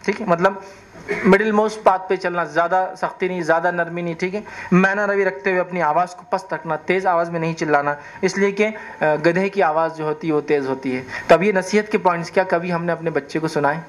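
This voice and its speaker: High-voiced animated male preacher. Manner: animated, questions the audience. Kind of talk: sermon.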